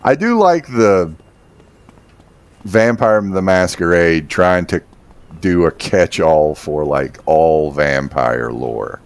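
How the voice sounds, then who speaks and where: Man, deep voice, slow pace, casual rambling gameplay chat, laughs and swears. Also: animated, no echo. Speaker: streamer.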